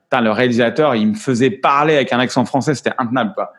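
A man in his forties talks frankly as an interview guest, his pitch sitting mid-range for a man. He often stumbles and repeats words as he thinks aloud. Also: rapid-fire. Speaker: photographer and actor guest. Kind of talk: casual interview chat.

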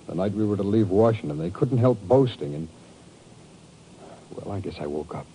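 Playing a bitter, fearful, disillusioned turncoat agent, a male actor delivers his lines in 1950s radio drama style, agitated and self-mocking, full of bitter regret. His voice is low, mellow and expressive at a normal pace, heard on a poor-quality old radio recording with faint noise.

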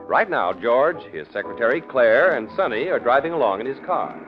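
A man's voice: mid-range voice, sing-song, normal speed, natural voice. A man playing an old radio announcer, reading sponsor lines and setting the scene with polished delivery. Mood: polished showmanship. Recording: dull vintage radio recording, music behind.

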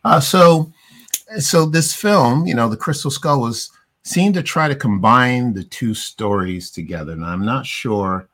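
A man's voice: mid-range voice, unhurried, a bit bright. A middle-aged man hosting a casual movie review, talking in a rambling way with many fillers and restarts. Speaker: podcast host.

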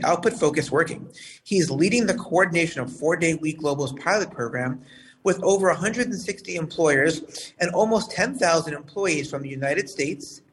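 A man hosting a live talk show, heard over a phone, speaking in a formal, measured way with some fillers. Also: on the high side, fairly bright tone, far from the mic, slight background noise, poor audio.

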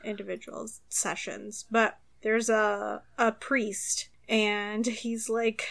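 A woman's voice: medium pitch, little pitch movement, slow pace, gravelly, a bit bright. A woman game master chatting casually about tabletop games, rambling with lots of fillers and frequent laughs.

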